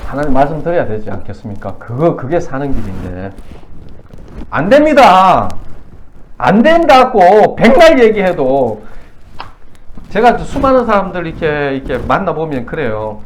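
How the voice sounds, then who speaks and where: A man preaching a sermon in a church, talking bluntly and colloquially, with sudden loud bursts, quiet mutters and frequent laughs. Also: on the high side, very animated, normal speed, slight background noise, rough recording. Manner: laughs often mid-sermon. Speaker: pastor.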